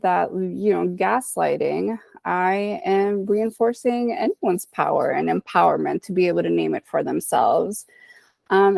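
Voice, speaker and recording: A woman in her thirties from the Dominican Republic speaks reflectively as a guest psychologist on a podcast interview, often adding "right?" and "you know." Her mid-range voice has vocal fry and a dark tone, with no room sound.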